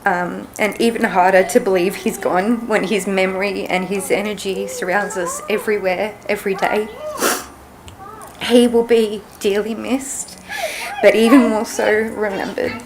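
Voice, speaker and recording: A woman's voice: mid-range voice, background noise. A young woman reading a tender family eulogy at a funeral service into a podium microphone. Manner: slow, tender, emotional.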